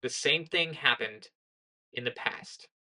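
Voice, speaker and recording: A young American woman with a bass voice takes her time giving casual political commentary on a rough recording. Her monotone delivery is earnest and lecturing, and she often revises what she's saying mid-sentence.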